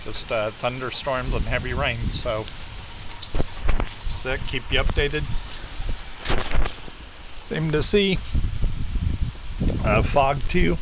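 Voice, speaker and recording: A man's voice: medium pitch, slow, long pauses. A man giving a casual, rambling weather update as an outdoor vlogger, with wind hitting the mic. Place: outdoors at a farm in stormy wind and rain. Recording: dull audio, loud wind buffeting the mic.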